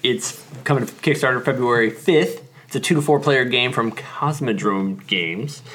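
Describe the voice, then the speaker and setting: A man's voice: mid-range voice, moderate pace, a bit bright. Candid man rambling about a game. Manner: candid, laughing, clears throat. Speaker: podcast co-host. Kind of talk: casual board game chat.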